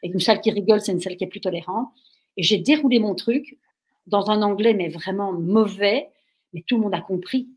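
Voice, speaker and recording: In a medium-pitched voice with a breathy edge, a Belgian woman speaks a little fast as an interview guest. Her storytelling is animated and energetic, and she gets swept up in what she's saying.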